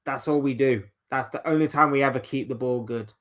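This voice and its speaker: A man's voice: mid-range voice, steady tone, brisk, a bit bright. A man hosting a casual solo football chat, rambling and opinionated, reeling off players one by one. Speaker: football channel host.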